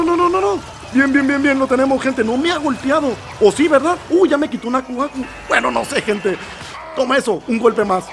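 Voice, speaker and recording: A man giving excitable, nervous let's-play commentary and constantly calling out to his viewers. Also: extremely high pitch, gravelly. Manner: excitable, nervous reactions, keeps addressing viewers as "gente". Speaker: gameplay commentator.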